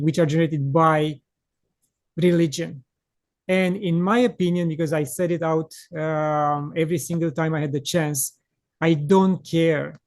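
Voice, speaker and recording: A man hosting a podcast in English. His voice sits a little high for a man and sounds close and dry, with no room behind it. He talks in a measured, earnest way and pauses often to find his words. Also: darkish tone, no echo. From Romania. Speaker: podcast host. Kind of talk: conversational interview.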